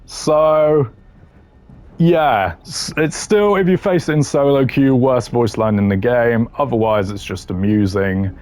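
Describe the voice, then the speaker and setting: With a mid-range, somewhat mellow voice, a gaming content creator ranks voice lines a little slowly. His casual commentary is opinionated, blunt and dismissive, carried by a dry humour.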